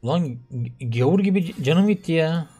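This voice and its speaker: A young man commentating his own gameplay, shouting in exasperation at losses and muttering to himself in quieter stretches. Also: a little high, expressive, moderate pace, faint music behind. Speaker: gaming YouTuber.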